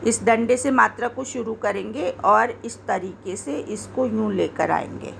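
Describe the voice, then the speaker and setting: Woman, Hindi teacher, slow patient delivery, gravelly higher voice, faint hiss behind. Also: fairly bright tone. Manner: slow, patient, repeats words to show pronunciation. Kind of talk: explaining grammar to learners.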